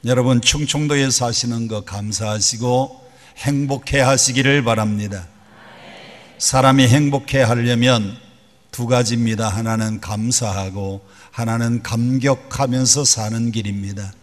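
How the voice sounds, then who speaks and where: A man's voice: mid-range voice, steady tone, measured pace. A male pastor preaching a sermon in a large church. He leads the congregation in call-and-response with folksy, joking asides. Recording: long reverb of a large church hall.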